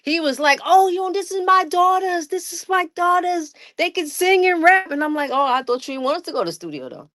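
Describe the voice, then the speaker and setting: A woman's voice: very high voice, brisk, hardly any pauses. A middle-aged woman with a New York accent, a guest artist telling stories in a casual interview, laughing often and using slang. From Brooklyn, New York. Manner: laughs often, animated storytelling with slangy talk.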